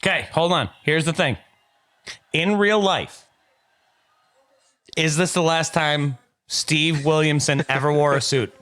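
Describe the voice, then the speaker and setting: A man co-hosting a casual watch-along podcast, excitable and swearing freely. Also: a little high, unhurried, long pauses. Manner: excitable, swears freely, talks over others. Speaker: podcast co-host. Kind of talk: casual chat.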